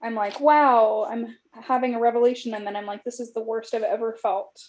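Mellow-voiced woman reading her old journals. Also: a little high, steady tone, brisk. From California. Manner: reflective, with frequent "like" fillers. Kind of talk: casual chat, reading aloud from old journals.

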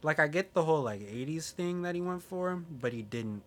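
Young guy guest on a podcast, laid back, kinda halting. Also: fairly high pitch, animated, a bit bright. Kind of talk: casual chat.

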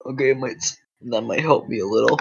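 A woman's voice: a bass voice, fast talker, creaky, breathy edge. A woman hosting a casual meme chat, who laughs often and swears freely. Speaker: podcast host. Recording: dull lo-fi mp3 audio.

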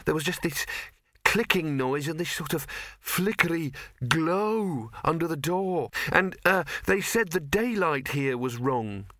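A man's voice: on the high side, expressive, a little slow, fairly bright tone, no room sound, studio quality, voice pushed up. A man voicing a nervous male servant who whines and stammers in fear. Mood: nervous whining. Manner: whining, stammering, fearful.

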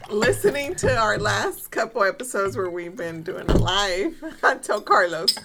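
A woman's voice: medium pitch, expressive, a little slow, over loud music. A chatty woman co-hosting a casual podcast, laughing often. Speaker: podcast co-host. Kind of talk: casual chat.

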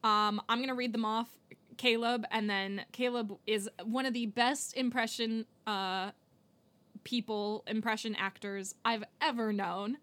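A woman with a slightly high voice co-hosts a relaxed podcast, gushing over favorite film scenes. She laughs often and talks with easy enthusiasm. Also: a little slow. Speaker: podcast co-host. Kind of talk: casual chat about a film.

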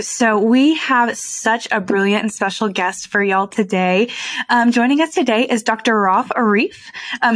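A woman's voice: medium pitch, a bit bright, dry recording. Upbeat female podcast host. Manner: friendly, upbeat, with "um" fillers. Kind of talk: hosting a podcast interview.

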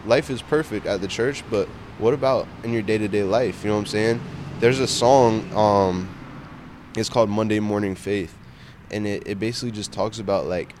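Low-voiced man, slangy casual faith talk. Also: moderate pace, darkish tone, slight background noise. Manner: informal slangy talk, peppered with "bro" and "you know what I'm saying".

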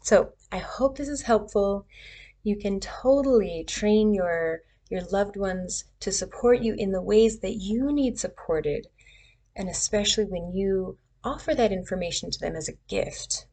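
A woman speaks at an unhurried, deliberate pace in a medium-pitched voice. She offers gentle, casual advice straight to the camera, often stopping to restart a phrase. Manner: gentle, slow, with many restarts. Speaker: relationship advice vlogger.

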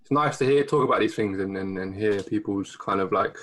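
A man's voice: fairly low pitch, fairly quick, fairly bright tone, low-quality recording. A young man hosting a casual podcast, thinking aloud in a rambling, hesitant way. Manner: rambling, hesitant, many fillers and restarts. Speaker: podcast host. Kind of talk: casual chat.

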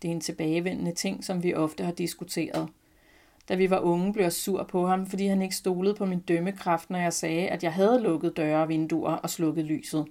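A middle-aged Danish woman, a podcast host, reading her own personal short story aloud in a calm, reflective first-person voice. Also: on the low side.

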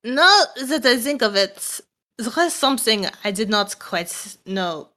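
A woman's voice: on the high side, lively intonation, unhurried, sharp tone. A woman voicing a polite, formal adventurer who drops French words into slightly broken English. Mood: thoughtful.

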